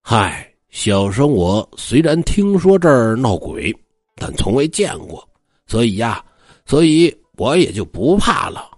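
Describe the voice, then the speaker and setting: A man's voice: medium pitch, big pitch swings, a little slow, darkish tone, breathy edge, dry recording, studio quality, faint music behind. A man playing a timid young scholar. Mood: bravado. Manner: nervous, bookish, courteous. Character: timid polite young male scholar woodcutter.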